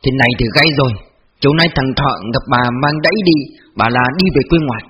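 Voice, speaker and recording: A man's voice: medium pitch, fast, a crowd in the background, close to an everyday voice. A man voicing a hot-tempered village husband and grown son, blunt and stern. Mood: alarmed. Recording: dull lo-fi audio with faint music.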